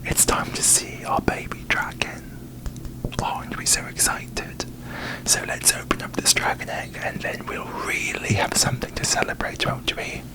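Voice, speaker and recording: Man whispering as prim queen Alicent Hightower. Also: normal speed, natural voice, low-quality recording. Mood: hushed, excited. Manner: formal, pompous, archaic wording. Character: prim, needy, aggrieved medieval queen, a woman. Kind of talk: whispered ASMR parody.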